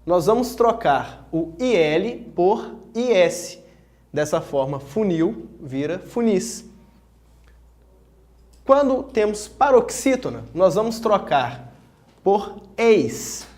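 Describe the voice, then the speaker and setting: A man teaching a grammar lesson, speaking clearly and spelling out each example slowly. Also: high voice, sing-song, darkish tone. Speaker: Portuguese teacher.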